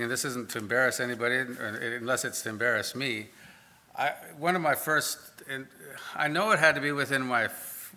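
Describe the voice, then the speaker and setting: A man's voice: medium pitch, sharp tone. A male pastor giving an informal sermon, talking plainly and often stopping to correct himself. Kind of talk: conversational sermon.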